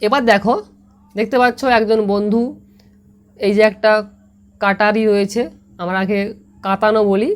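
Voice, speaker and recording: A woman with a Bengali accent, speaking as a patient teacher explaining a lesson to her pupils. She sounds each word out slowly and keeps asking whether they understand. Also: mid-range voice. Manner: patient, repeats words slowly, asks "ঠিক আছে?" often. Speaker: English teacher.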